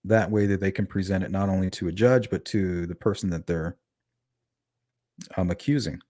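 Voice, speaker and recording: The host of this casual true-crime livestream is a man with a lisp who reads chat aloud, talks conversationally and puts questions to his audience. He has a deep, dark-toned voice and a moderate pace. The sound is clean studio audio with no room sound.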